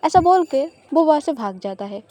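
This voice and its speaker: High-voiced woman narrating a love story. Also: expressive, normal speed, dark tone, no room sound.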